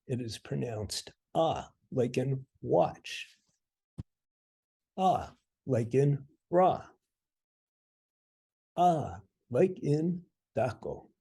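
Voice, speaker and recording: Man, language tutor voice-over: slow, gravelly, deadpan wit. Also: medium pitch. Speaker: language teacher. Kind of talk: scripted narration.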